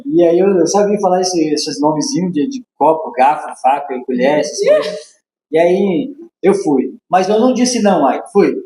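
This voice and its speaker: Lively Brazilian man, echoey room. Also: a little high, moderate pace. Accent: Brazilian Portuguese. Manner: animated, acts out dialogue with laughs. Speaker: podcast guest. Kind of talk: casual storytelling.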